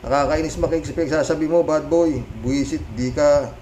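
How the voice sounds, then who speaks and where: Male vlogger, fired-up commentary over chat comments, a bit higher-pitched, faint hum behind. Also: fairly even intonation, a little fast, low-quality recording. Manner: indignant, gives shout-outs, reads comments aloud. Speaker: vlogger reading viewer comments. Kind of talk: casual live commentary.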